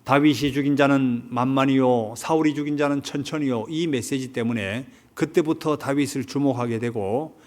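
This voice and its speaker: A male pastor gives a Sunday sermon from a church sanctuary. His voice sits in a middle range. He retells a story and keeps checking whether his listeners follow. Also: medium pitch. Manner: retells a film story, asks the congregation questions.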